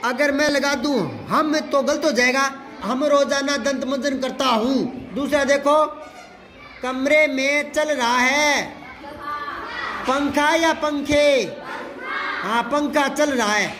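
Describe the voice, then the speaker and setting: A man's voice: very high-pitched, takes it slowly, bright, forceful tone. A male teacher, drilling a class on grammar and often repeating answers back as questions. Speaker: Hindi teacher. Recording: faint crowd and room noise.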